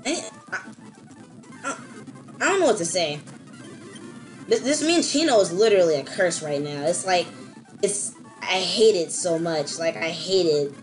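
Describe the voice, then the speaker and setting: A young woman commentating her own gameplay, ranting in exasperation and jumping up to squealing high notes. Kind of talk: let's-play commentary.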